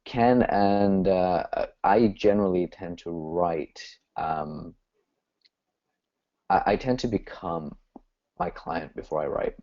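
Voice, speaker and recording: A man talking as a copywriter guest in a casual interview, animated and lively. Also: low-pitched, takes it slowly, highs cut off. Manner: animated, swings into voices when quoting.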